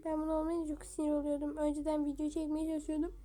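Woman gaming creator, high and mellow, chatty gameplay commentary, mutters while building. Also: completely flat delivery, fast talker. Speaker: game video creator.

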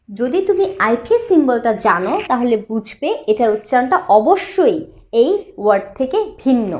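A woman teaching a spoken English lesson, patiently repeating each sound slowly for her students. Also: sits high, dark tone. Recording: slightly dull lo-fi sound.

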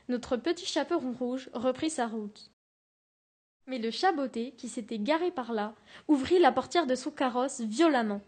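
A student narrating a fairy-tale storybook about road safety for a school project, reading steadily aloud. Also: female voice, high voice.

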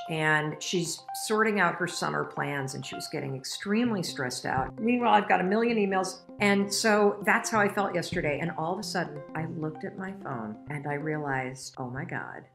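A middle-aged woman telling a personal story and giving a motivational talk, emphatic and emotional, speaking straight to her viewers. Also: sits low.

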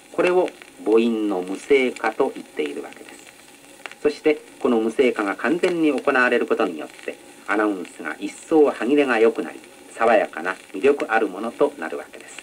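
A man teaching announcing technique in a measured, polite lecture style, on an old educational record. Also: medium pitch, poor audio. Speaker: announcing instructor. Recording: old record with faint noise.

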